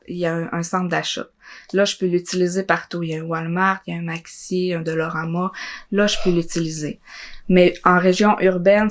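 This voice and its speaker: A young woman from Côte-Nord, Quebec, Canada, speaks with a Quebec French accent in a fairly low, slightly bright voice. As an interviewee and social work student, she gives personal testimony in an informal, hesitant manner.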